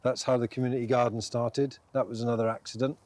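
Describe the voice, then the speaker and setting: A man who runs a small farm talks casually about his land. He is relaxed and hesitant and often rambles, in an ordinary mid-pitched voice. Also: fast talker, no echo. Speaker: small-scale farmer. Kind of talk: casual interview.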